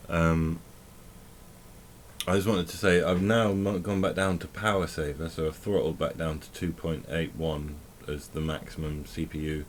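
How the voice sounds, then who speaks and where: A man talks through his gameplay in a deep, low voice, thinking aloud and correcting himself as he goes. A faint hiss sits under the recording. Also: level tone, normal speed. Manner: rambling, self-correcting, thinking aloud while playing. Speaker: tech vlogger. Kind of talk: casual gameplay commentary.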